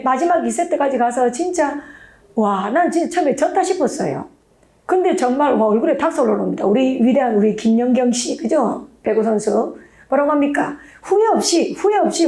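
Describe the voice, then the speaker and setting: A woman's voice: high-pitched, vocal fry, warm tone. A woman English exam instructor, lecturing emphatically and checking in with rhetorical questions. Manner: emphatic, peppers talk with rhetorical check-ins. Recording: echoey room.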